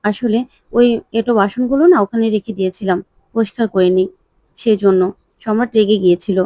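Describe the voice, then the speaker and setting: A woman's voice: mid-range voice, fairly even intonation, fairly quick, mellow, no room sound, lightly acted. A woman voicing an earnest young bride who confides in her mother-in-law. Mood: confiding.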